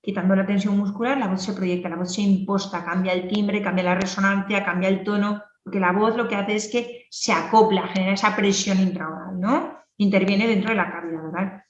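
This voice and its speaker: A woman's voice: mid-range voice, fairly quick, few pauses, distant mic, lo-fi sound. Woman lecturing in an echoey room. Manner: lively, explanatory, many tag questions. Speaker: speech therapist lecturer. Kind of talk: clinical lecture.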